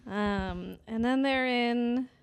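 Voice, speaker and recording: A woman co-hosting a podcast, chatting casually about a film with frequent giggles and quick replies of agreement. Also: fairly high pitch, creaky, a little hiss or hum. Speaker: podcast co-host. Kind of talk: casual chat recapping a film.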